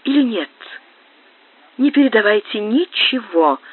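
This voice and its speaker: A woman's voice: animated, measured pace, slightly rough, no echo. Woman voicing an agitated young countess. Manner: emotional, pleading, high-strung. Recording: narrow phone-like band, dry.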